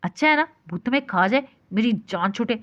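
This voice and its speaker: A woman voicing a short-tempered young husband who threatens and scolds gruffly. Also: very high voice, lively intonation, a little fast, fairly bright tone. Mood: angry scolding. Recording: dull lo-fi recording.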